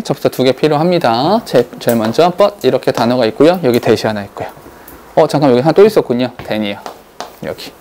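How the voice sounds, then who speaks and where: A male English teacher giving a grammar lecture, often pausing to check in with rhetorical questions and reading English sentences slowly. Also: a little high, a little mellow, a little hiss or hum. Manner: reads English lines slowly and deliberately.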